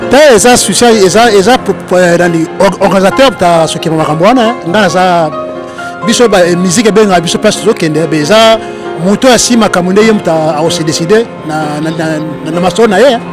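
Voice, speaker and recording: A middle-aged man, a musician, answering interview questions in a halting way and often repeating his words. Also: high voice, over music. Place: busy train station.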